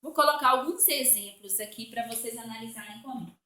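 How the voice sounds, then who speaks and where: High, bright-voiced Brazilian woman teacher. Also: roomy sound. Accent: Brazilian Portuguese. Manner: patient, explains slowly and repeats words. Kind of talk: recorded spelling lesson for children.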